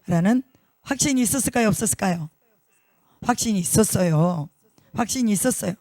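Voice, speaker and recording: A man's voice: high-pitched, darkish tone, dry recording, studio quality. A man preaching a sermon as pastor, emphatic, repeating key words and putting rhetorical questions to the congregation.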